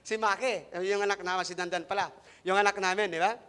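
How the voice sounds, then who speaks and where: A man with a strikingly high, bright voice delivers a Sunday sermon built on his own testimony. He talks straight to the congregation and mixes in English phrases. He drops to quiet asides, then rises to loud, emphatic lines. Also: steady tone, a little fast, smooth. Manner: addresses congregation directly, mixing in English phrases. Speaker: preacher.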